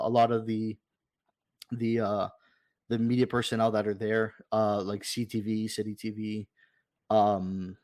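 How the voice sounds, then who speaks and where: Man, podcast guest, lively storyteller, acts out what people said, mid-pitched voice, dry close sound. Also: no room sound. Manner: animated, retells scenes with quoted dialogue. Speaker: supporters' club president, podcast guest. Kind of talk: casual storytelling.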